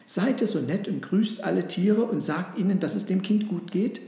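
A man's voice: sits high, expressive, moderate pace, mellow, voice pushed up. A man voicing a humble, kind little male donkey in a storybook reading, in an earnest, eager manner. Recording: roomy echo.

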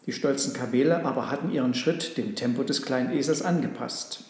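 A man narrating a Christmas storybook in a calm, measured way. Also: medium pitch. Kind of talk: storybook reading. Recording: echoey room.

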